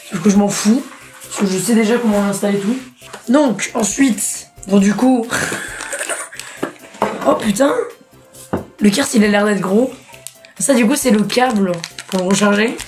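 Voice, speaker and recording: A woman's voice: medium pitch, a little mellow. A woman in a casual unboxing vlog, chatty and laughing often, swearing freely, with faint music behind her. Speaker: youtuber.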